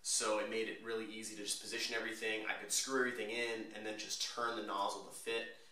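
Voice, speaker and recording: A man casually walking through his own car modification project, relaxed and rambling with lots of fillers. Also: fairly low pitch, fast. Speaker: DIY car modder. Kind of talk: casual DIY walkthrough. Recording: echoey room, mic at a distance.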